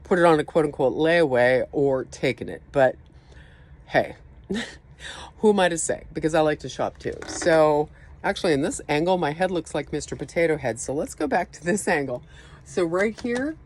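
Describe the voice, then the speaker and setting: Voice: mid-range voice, expressive, moderate pace, a little hiss or hum. A person giving an informal staff training walkthrough as a store trainer, instructive and often checking in with the listener.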